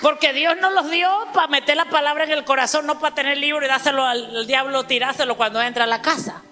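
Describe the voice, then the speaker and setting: A woman preaching a sermon to a congregation, emphatic, calling out to the listeners and spelling out words slowly. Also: high-pitched, fairly even intonation, bright, forceful tone. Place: church hall. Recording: church hall reverb with faint music.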